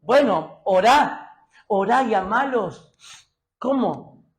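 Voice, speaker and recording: A middle-aged man with an Argentine accent preaching a sermon as pastor, emphatic and slowing down to read scripture aloud. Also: sits high, expressive. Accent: Argentine Spanish.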